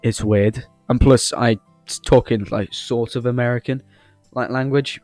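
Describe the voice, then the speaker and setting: With a deep, slightly mellow voice, a man from England runs a gaming video channel and chats through a playthrough in a rambling, cheeky, joking way, sometimes reading game dialogue aloud. He keeps a steady tone and a measured pace. The recording is dry, with faint music behind him.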